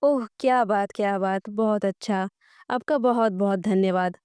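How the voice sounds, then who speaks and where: A woman's voice: medium pitch, measured pace, a little mellow, clean tone, no echo, clean studio sound, natural voice. A woman voicing a cheeky male eagle sidekick in human form who teases his friend. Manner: teasing and cheeky.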